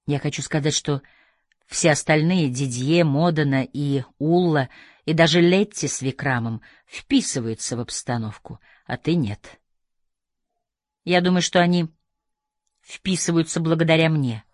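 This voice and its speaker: A man's voice: a little high, measured pace, no room sound, studio quality, natural voice. A man reading as a guarded young woman. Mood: calm. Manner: flat, even telling. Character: guarded young woman telling her past.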